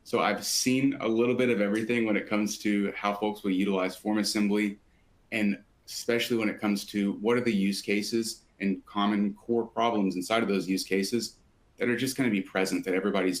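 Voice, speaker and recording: A man with a somewhat low voice hosts a live webinar. He talks in long, steady, well-practiced stretches. He sounds like a salesperson who knows his material. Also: a little fast. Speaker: webinar host from sales team.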